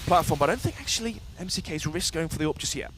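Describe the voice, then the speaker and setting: A man giving live esports caster commentary, running through each round in a brisk, clipped analytical way. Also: fairly high pitch, expressive, fairly bright tone, soft background music. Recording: faint game noise behind voice.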